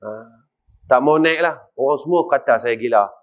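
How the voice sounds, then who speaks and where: A middle-aged man with a northern Malaysian accent giving a mosque lecture, asking the audience questions and swinging between loud and quiet. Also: medium pitch, normal speed. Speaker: religious teacher. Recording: dull lo-fi recording.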